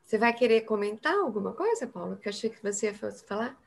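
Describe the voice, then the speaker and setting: A woman moderating an online talk in a gracious, measured way on a video call. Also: fairly high pitch, expressive, creaky.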